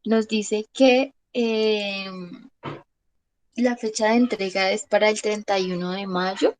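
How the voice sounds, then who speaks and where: Slow, patient woman teacher. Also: a little high, no room sound, poor audio. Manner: slow, repeats "¿listo?" to check understanding. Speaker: English teacher. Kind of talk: online class explanation.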